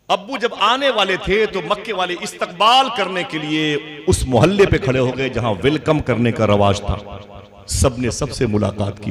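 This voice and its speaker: A man, preaching a sermon at a public religious gathering, emphatic and asking the audience rhetorical questions. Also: medium pitch. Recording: live crowd in background.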